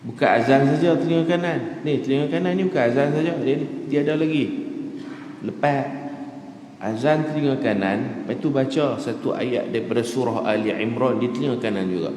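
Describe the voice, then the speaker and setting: Joking Malaysian preacher in an echoey mosque. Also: male voice, mid-range voice, a little mellow. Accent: northern Malaysian Malay. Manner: chatty and joking, slows down to recite Arabic. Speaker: religious teacher. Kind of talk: mosque dawn lecture. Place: mosque prayer hall. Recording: echoey mosque hall with faint ambience.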